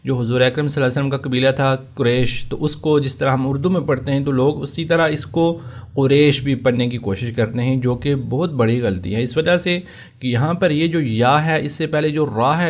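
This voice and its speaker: A man with a Pakistani Urdu accent teaching Tajweed, explaining common mistakes and then reciting verses slowly and drawn out. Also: mid-range voice. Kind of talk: Tajweed lesson.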